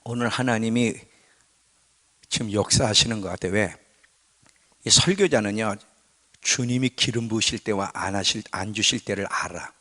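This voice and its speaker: A man's voice: lowish voice, moderate pace, long pauses, sharp tone. A male pastor preaching a sermon in a conversational way, often putting questions to his congregation. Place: church sanctuary. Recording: church hall with long reverb.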